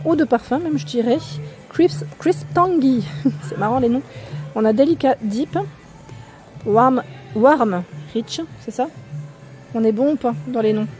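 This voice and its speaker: A woman's voice: fairly high pitch, mellow. A woman with a French accent chatting casually as she walks a shop aisle, reading out labels and prices and asking viewers questions. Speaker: shopping haul vlogger. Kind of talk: casual store walkthrough. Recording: music playing behind.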